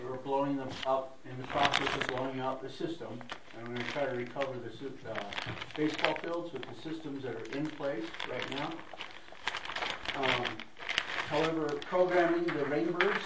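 A man giving an informal, rambling report at a meeting, with frequent restarts and fillers. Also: mid-range voice. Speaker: staff member reporting at a meeting. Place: meeting room. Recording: echoey room, distant mic, background noise.

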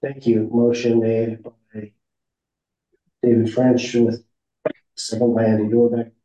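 A man with a very dark, mellow tone runs a board meeting step by step, pausing on uh and um. His voice comes over a remote call line, muffled and roomy. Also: mid-range voice, monotone. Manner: measured, with frequent uh and um fillers. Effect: heard over a remote call line that breaks up. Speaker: district counsel chairing a board meeting. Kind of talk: formal procedural meeting chairing. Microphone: remote call audio. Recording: muffled echoey call audio.

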